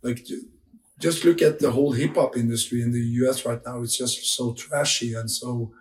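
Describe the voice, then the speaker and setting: A man's voice: medium pitch, steady tone, moderate pace, echoey room. A young man from Norway with a Norwegian accent, telling stories casually in an interview, full of "like" fillers and restarts. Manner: loose storytelling with many "like" fillers and restarts. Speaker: interviewed music artist.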